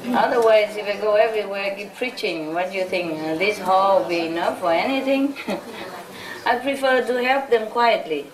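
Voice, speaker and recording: A woman's voice: mid-range voice, moderate pace, a crowd in the background. A woman from Vietnam, a spiritual teacher, giving an informal lecture and telling stories in a chatty way with many "you know?" asides. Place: large hall with an audience. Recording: echoey hall from a distance with audience.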